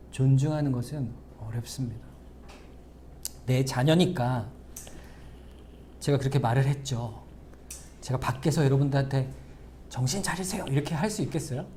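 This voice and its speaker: A middle-aged man, the pastor, preaching a sermon and speaking straight to the congregation, moving between loud emphatic lines and soft asides. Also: mid-range voice, slight background noise.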